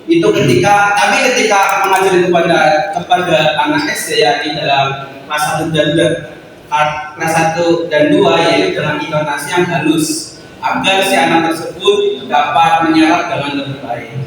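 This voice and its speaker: A man's voice: fairly high pitch, steady tone, normal speed, fairly bright tone. A young man, a student, giving a loose, rambling classroom presentation and walking through spoken examples. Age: young adult. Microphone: far camera. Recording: echoey classroom, far from the mic, background noise.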